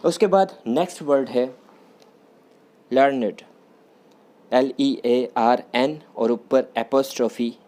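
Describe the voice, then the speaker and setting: A man teaching a vocabulary lesson, going slowly and repeating each point as he rephrases it in Urdu and English. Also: mid-range voice, dark tone. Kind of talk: classroom lesson explaining vocabulary.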